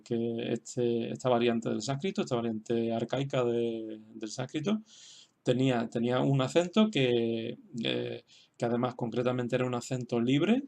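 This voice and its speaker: A man's voice: medium pitch, creaky, a little mellow. A man from explaining a language lesson in an unscripted way, hesitant, with many fillers and restarts. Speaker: teacher.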